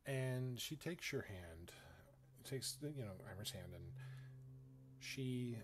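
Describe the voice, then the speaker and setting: A man narrating a tabletop game as game master, relaxed and halting. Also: medium pitch, a little hiss or hum. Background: background music.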